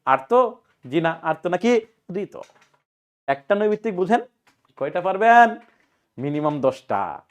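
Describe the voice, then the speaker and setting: A male teacher with a Bangladeshi Bengali accent leads an exam-prep grammar lesson, drilling students through repeated questions and answers. His speech is brisk and colloquial, and his voice is high and expressive.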